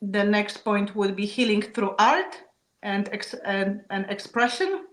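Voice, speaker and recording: A woman of middle pitch explains her topic at a calm, steady pace and laughs softly now and then. Her voice carries a noticeable roomy echo. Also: measured pace. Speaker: guest speaker. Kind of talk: explanatory talk on traditions.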